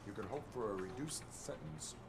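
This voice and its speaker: An actor playing a stern cyborg police officer who speaks in flat, clipped, procedural lines. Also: male voice, mid-range voice, moderate pace, gravelly. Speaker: police officer at a complaints desk. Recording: video game audio with loud background noise.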